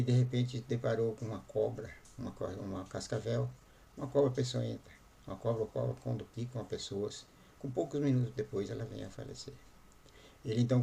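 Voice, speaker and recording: A man's voice: medium pitch, gravelly, dark tone. A man, a pastor telling a story as a sermon in a repetitive, emphatic way.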